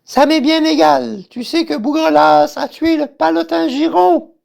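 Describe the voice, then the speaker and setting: A woman playing the scheming, mocking wife of a buffoon tyrant in a stage farce, shrill and exclamatory. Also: fairly even intonation, unhurried, creaky, darkish tone, full character voice. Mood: mocking, curious. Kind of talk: theatrical farce acting.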